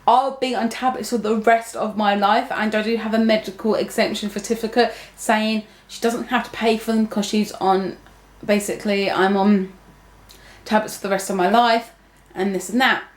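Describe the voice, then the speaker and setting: A young woman vlogger talks casually to the camera in an echoey room, rambling with lots of fillers and restarts. Her voice is mid-range, with fairly even intonation and a normal speed.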